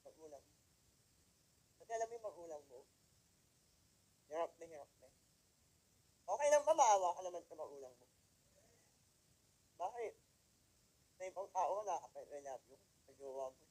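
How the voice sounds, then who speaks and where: A man from the Philippines with a high-pitched voice tells his story to a live audience in an emotional testimony. He speaks straight to the crowd with pointed rhetorical questions. He jumps from loud, emphatic lines to quiet, hushed ones. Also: animated, normal speed, pauses often, breathy edge, low-quality recording. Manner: swings between loud emphatic lines and quiet near-whispers. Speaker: motivational speaker at a company event.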